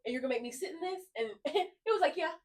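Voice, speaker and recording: A woman, co-hosting a casual faith podcast, telling stories fast and animatedly with frequent laughs. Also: extremely high pitch, animated, crowd noise. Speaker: podcast co-host.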